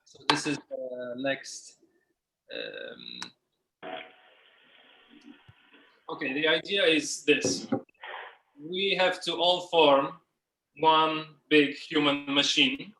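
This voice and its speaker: A workshop facilitator on a group video call gives casual, loose instructions indoors, almost as if thinking out loud. His slightly high voice swings widely in pitch, sounding creaky, pushed and bright, with drawn-out words and frequent pauses. The room is echoey and the recording rough.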